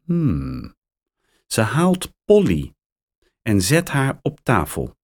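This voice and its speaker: A man reading a children's story aloud, slow and expressive. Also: medium pitch.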